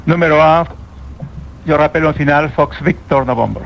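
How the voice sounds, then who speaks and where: A man's voice: fairly high pitch, normal speed, gravelly, lo-fi sound. A man piloting an aircraft, giving brief procedural readbacks over the radio. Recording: noisy cockpit radio transmission.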